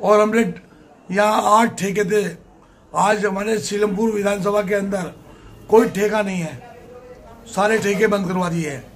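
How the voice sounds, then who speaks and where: A man's voice: sits high, steady tone, unhurried, long pauses. An older man, a political candidate giving plain-spoken, emphatic interview answers and often repeating himself.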